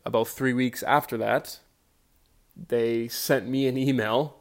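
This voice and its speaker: A man's voice: medium pitch, fairly even intonation, slow. A young man hosting his own solo podcast, talking casually and self-deprecatingly, rambling with fillers. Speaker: podcast host.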